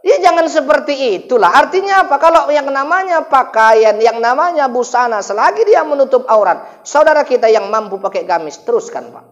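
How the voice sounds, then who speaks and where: A male preacher with a lilt delivers a humorous sermon at a mosque gathering. He keeps the telling lively and animated, turning to the men in the hall again and again. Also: very high voice, fairly quick, hardly any pauses, muffled recording. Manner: lively, animated, often addresses listeners as "Pak". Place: mosque gathering after dawn prayer.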